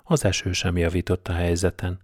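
Low-voiced male audiobook narrator. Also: little pitch movement, slightly rough, no echo, studio quality. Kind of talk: scripted narration.

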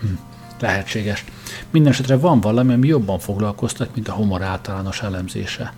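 A man voicing a shrewd male grandmaster who questions and lectures in a sharp, cutting way. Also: lowish voice, faint music behind, natural voice. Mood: probing.

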